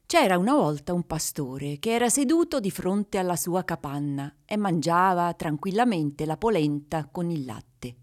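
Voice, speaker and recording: A woman narrating a folk tale in a measured storytelling manner. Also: lowish voice, lively intonation, darkish tone, soft background music.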